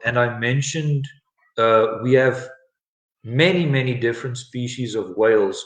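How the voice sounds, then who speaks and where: A man with a South African accent teaching a relaxed live English lesson online, with many ums and uhs. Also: medium pitch, echoey room, poor audio.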